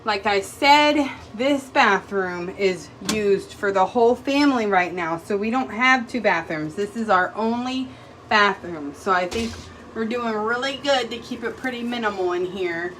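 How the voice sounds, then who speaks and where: A woman's voice: medium pitch, lively intonation, a little slow, fairly bright tone, recorded from a distance, slight background noise, poor audio. A young woman vlogging casually at home, chatting as she walks viewers through her bathroom while decluttering and cleaning.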